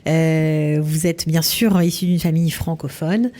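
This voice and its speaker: A woman's voice: deep voice, steady tone, unhurried, dark tone. A woman hosting a show, presenting and asking questions in an interview.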